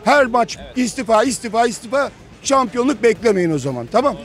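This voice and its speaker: A hoarse man in his fifties, a football fan insistently lecturing other fans in a heated street interview outdoors. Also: very high voice, lively intonation, a little fast. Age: 50s. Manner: lecturing, insistent, repeats himself.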